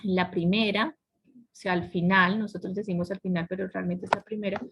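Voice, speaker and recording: A woman's voice: medium pitch, flat delivery, brisk, noisy background. Woman teaching grammar in an online class. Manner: explains step by step, with many restarts. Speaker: English teacher. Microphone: video call.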